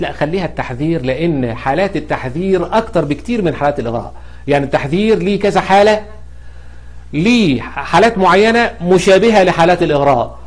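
A middle-aged man with an Egyptian Arabic accent giving a recorded grammar lecture, explaining step by step, asking and answering his own questions and drawing out examples. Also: fairly high pitch.

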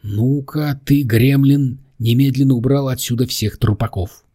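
A man's voice: on the low side, normal speed, a little mellow, slightly rough, dry recording, studio quality. A man reading the lines of a blunt, nervous young man in an audiobook.

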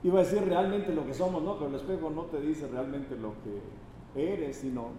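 A man's voice: fairly high pitch, fairly quick, dark tone, recorded from a distance. A man preaching a sermon with emphatic delivery and rhetorical questions. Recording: echoey hall, faint background noise.

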